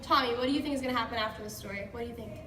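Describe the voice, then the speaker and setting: A woman teacher with a slightly high, rapid-fire voice leads an interactive picture-book read-aloud for children, encouraging them and prompting with questions. Crowd noise and other background sounds are present, and the distant mic picks up an echoey room.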